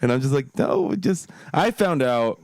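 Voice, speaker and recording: A man co-hosting a casual podcast, telling stories with lots of swearing and laughter. His pitch sits at an ordinary middle height. The sound is dry and close, with no room around it. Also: very animated, moderate pace, darkish tone, dry recording. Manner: profane, laughing storyteller. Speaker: podcast co-host.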